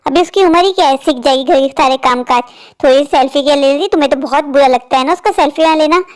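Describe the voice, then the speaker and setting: A woman's voice: high voice, quick pace, natural voice. A woman putting on a nagging cartoon grandmother. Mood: scolding. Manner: nagging, scolding. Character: scolding older grandmother, mother-in-law.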